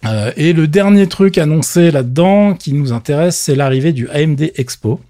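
A man's voice: a little high, expressive, moderate pace, mellow, no echo, soft background music. A man chatting casually about tech news, slangy and loose, with many fillers and a dry, thirsty mouth. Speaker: tech commentator.

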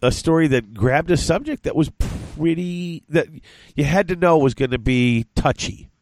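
A man hosting a podcast with a cold, congested and talking in halting, rambling chat. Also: fairly high pitch, lively intonation, a little mellow. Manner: rambling, halting, many restarts. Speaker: podcast host.

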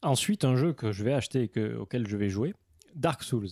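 A man hosting a casual gaming chat, calmly steering through the news segments. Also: mid-range voice, brisk, no room sound, studio quality. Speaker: podcast host reading the news.

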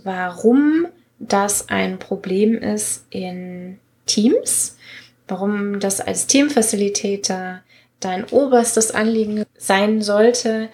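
A woman's voice: medium pitch, darkish tone. A woman co-hosting a podcast, explaining in an earnest, chatty way with frequent fillers. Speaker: podcast co-host. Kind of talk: casual podcast talk.

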